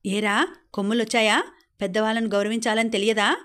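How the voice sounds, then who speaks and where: A woman's voice: on the high side, steady tone, moderate pace, lightly acted. Woman reading as a domineering father. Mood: harsh. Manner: harsh, scolding. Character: stubborn domineering middle-aged father.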